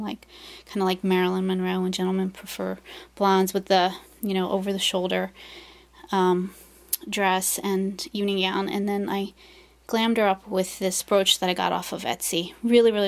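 A woman crafter chatting through her projects in a casual show-and-tell, gushing and soft-spoken, with many fillers. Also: mid-range voice. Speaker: craft vlogger.

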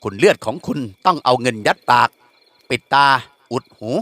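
A male narrator voicing a calm young man who speaks politely and jokes dryly. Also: mid-range voice, normal speed, no echo.

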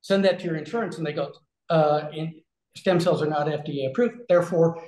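In an echoey small room, a man in his forties talks over a webcam with a somewhat high voice. He explains at length in a loose conversational way, full of fillers and restarts, gesturing as he speaks. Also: brisk, darkish tone. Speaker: regenerative health concierge. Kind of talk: casual explanatory talk on a video call. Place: small room with shelves, indoors. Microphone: video call webcam.

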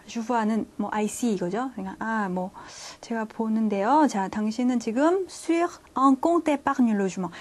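A woman with a slightly high voice teaches a French class in Korean. She works through the phrases one at a time, pausing on fillers, and slows down whenever she reads the French aloud. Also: a little mellow. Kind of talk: classroom lecture.

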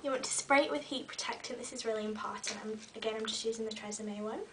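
A young woman beauty vlogger chats at a quick pace and in a steady tone as she styles her hair with a curler, using lots of ums. She has a cold, so her fairly high voice is a little croaky. A faint hiss and slight distance come from her sitting back from the webcam in a small fairy-lit bedroom.

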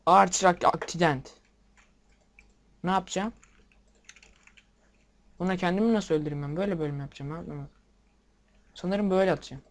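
Excitable young man commenting on a game. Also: sits high, brisk, pauses often. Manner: excitable, swears at the game, talks to viewers. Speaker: gameplay video maker. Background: keyboard and mouse clicks.

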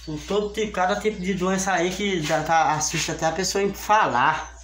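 Filmed on a counter-mounted phone in a small, echoey kitchen with faint ambience, a feverish older Brazilian man tidies up while making a casual vlog appeal. His high, fairly bright voice moves briskly over slight background noise. This family channel vlogger speaks with a Brazilian Portuguese accent, rambling, pleading and saying the same things again.

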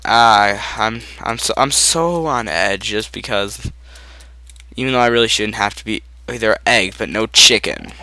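A young man giving jokey, excitable commentary while playing a video game, chatting to the animals on screen. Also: mid-range voice, clean tone, dry recording. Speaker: Let's Play host. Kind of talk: gameplay commentary.

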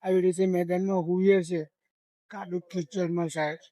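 Old guy crying, talks high and pleading, dry close sound. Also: flat delivery, moderate pace, dark tone, dry recording. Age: older. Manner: tearful, pleading, breaks into comic newspaper patter. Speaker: former comedian and magician, now homeless. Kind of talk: emotional interview. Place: outdoors.

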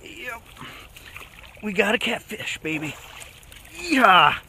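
A man vlogs while fishing from the shore of a river, casually and excitedly talking to himself and a companion in slangy exclamations. He speaks slowly, with a high-sitting, bright, forceful voice and lively intonation. The action camera on his body picks up clear outdoor background noise.

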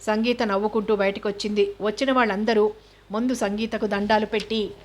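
A woman reading a novel aloud in an even, measured scripted narration. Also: medium pitch, slight background noise. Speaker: novel reader.

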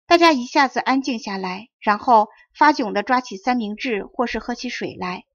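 A woman reading a fairy tale aloud as an audiobook narrator, clear and expressive. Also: fairly high pitch, moderate pace, no room sound. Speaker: audiobook reader. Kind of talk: storybook narration. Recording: dry dull close recording.

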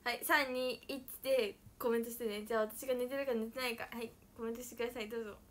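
A young woman chatting casually on a livestream, playful and mock-dramatic, sometimes dropping to soft murmurs. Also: a little high, fairly even intonation, racing. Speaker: idol livestreamer. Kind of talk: casual livestream chat with viewers.

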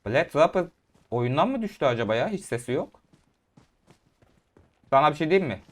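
Excitable young man streaming a mobile shooter. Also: on the high side. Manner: shouts and laughs in bursts, calls out enemies fast. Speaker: gaming YouTuber. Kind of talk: excited gameplay commentary.

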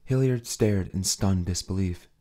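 A man narrating an audiobook with a steady, dramatic reading. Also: deep voice, measured pace. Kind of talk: scripted narration.

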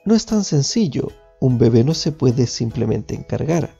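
A man's voice: medium pitch, sing-song, moderate pace, vocal fry, dark tone, husky, highs cut off, faint music behind, heavily acted. A man voicing a serious, patient father in a storybook reading.

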